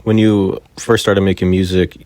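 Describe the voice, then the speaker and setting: A man's voice: low-pitched, flat delivery, normal speed, darkish tone. A man hosting a casual interview, easygoing and asking follow-up questions. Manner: easygoing, asks follow-ups with many fillers. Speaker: podcast host.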